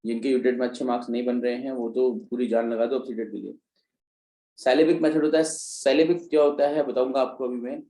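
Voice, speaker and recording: A male teacher lectures an exam-prep class with terms. His voice is mellow and dark, and he checks in with his students as he explains each step. The sound carries the echo of a bare room. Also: mid-range voice, fairly even intonation, fairly quick.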